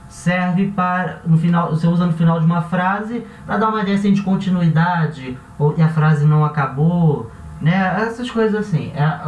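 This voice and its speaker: A Brazilian man with a relaxed, chatty teaching manner who often corrects himself and checks in with his listeners. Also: sits high, a little hiss or hum. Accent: Brazilian Portuguese. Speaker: language teacher. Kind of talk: casual classroom explanation. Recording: echoey room, voice a bit far from the mic.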